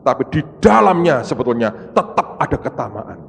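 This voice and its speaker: An Indonesian pastor preaches a dramatic sermon in a large church, acting out the people in his story with rising high-pitched outbursts and repetitions. His very animated voice is creaky, a bit bright, and slightly rough, at normal speed. The recording carries the long reverb of a large church hall.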